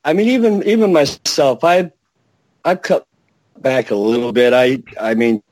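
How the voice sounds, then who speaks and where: A man's voice: mid-range voice, darkish tone, dry recording, low-quality recording. Man whose call audio keeps cutting out. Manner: halting, restarting words. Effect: voice cutting out over a bad call connection. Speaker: panelist on call-in gaming podcast. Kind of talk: casual chat.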